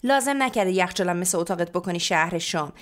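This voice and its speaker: A woman reading as an angry nagging mother, loud, quick, storybook scolding. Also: expressive. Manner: shrill, fast, nagging. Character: scolding, short-tempered middle-aged mother.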